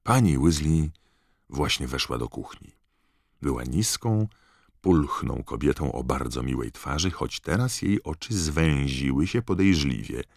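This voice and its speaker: A man reading a story aloud as an audiobook narrator, expressive and scripted. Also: a bass voice, a little slow, gravelly, no room sound, clean studio sound.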